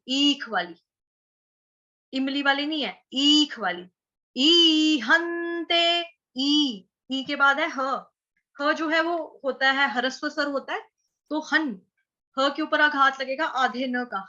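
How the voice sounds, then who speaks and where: A high, bright-voiced woman teaching Sanskrit chanting at an unhurried pace. She breaks words into syllables, chants slow stretched examples, and quizzes her listeners before giving the answer. The recording sounds slightly dull and lo-fi. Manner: asks and answers her own questions. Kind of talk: pronunciation lesson for chanting.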